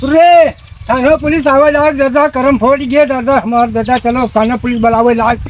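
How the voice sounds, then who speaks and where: A man's voice: very high-pitched, fairly even intonation, moderate pace, a little hiss or hum. A man with an Awadhi accent playing an imploring, lamenting village father who repeats his pleas in a comedy skit. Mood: pleading, despairing. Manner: imploring, repetitive.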